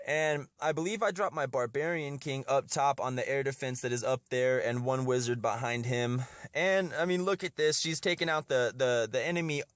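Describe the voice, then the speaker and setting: A man's voice: medium pitch, moderate pace, hardly any pauses, dry recording, studio quality. A man with a slightly stuffy nose from a cold, giving casual gameplay commentary as host of a strategy video and often repeating his words.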